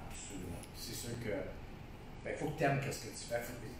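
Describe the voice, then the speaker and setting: A man's voice: mid-range voice, expressive, a little fast. A man with a Québécois accent chats about his painting with eager enthusiasm, circling back on his own phrases. He sounds far from the mic in a very echoey room. A faint hiss sits under his voice. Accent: Québécois French. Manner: enthusiastic, repeats phrases, restarts often. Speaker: painter being interviewed. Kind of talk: casual conversational interview.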